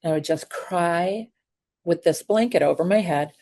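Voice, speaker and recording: An earnest middle-aged woman recounts a personal story as a podcast guest. Her voice sits fairly low, and she pauses and restarts often with fillers. She talks in a heartfelt, unpolished way. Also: mellow. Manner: earnest, halting with many fillers.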